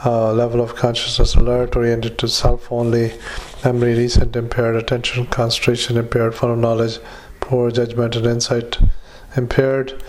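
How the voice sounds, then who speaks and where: A man dictating a patient note into a dictaphone, halting with many fillers and reading out punctuation and paragraph breaks. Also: mid-range voice, monotone, a little hiss or hum, rough recording. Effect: dictaphone recording. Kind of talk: medical dictation into a recorder.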